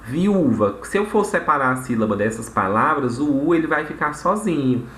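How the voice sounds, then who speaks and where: A man's voice: medium pitch, expressive, normal speed, fairly bright tone. A man teaching a recorded grammar lesson, explaining step by step and checking in with frequent tag questions. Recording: echoey room with faint noise.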